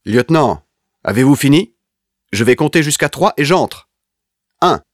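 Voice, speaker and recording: A man's voice: lowish voice, big pitch swings, normal speed, no room sound, clean studio sound, pitched above the performer's own voice. A man voicing a brutal, jeering male army lieutenant in a story reading, with a mocking, pushy manner. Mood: impatient.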